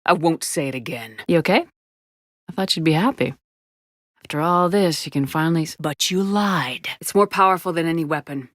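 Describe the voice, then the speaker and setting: A woman's voice: deep voice, fairly quick, no echo, studio quality, natural voice. An actress playing a tough, resolute female military space commander in a sci-fi video game, firm, commanding and blunt. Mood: stern, then concerned, then determined. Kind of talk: cinematic sci-fi game dialogue.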